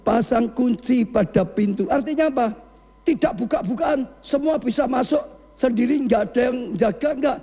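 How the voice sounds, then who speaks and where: High-pitched gravelly pastor preaching. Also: male voice, normal speed, big-room sound. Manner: calls the congregation "saudara", asks questions, swings from low to raised shouting. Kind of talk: sermon.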